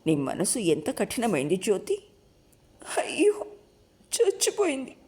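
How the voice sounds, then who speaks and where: Brief: idealistic young woman, emotional and soft, voiced by a woman narrator, lively and mellow. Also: medium pitch, unhurried, pitched above the performer's own voice. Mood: tearful pleading. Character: idealistic tender-hearted young college woman.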